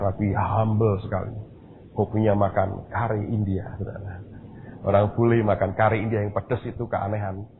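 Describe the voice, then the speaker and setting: Middle-aged male pastor from Indonesia, storytelling sermon, low-pitched voice; recording tinny with a faint hiss. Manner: storytelling, addresses the congregation directly. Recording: tinny phone-like sound with faint noise.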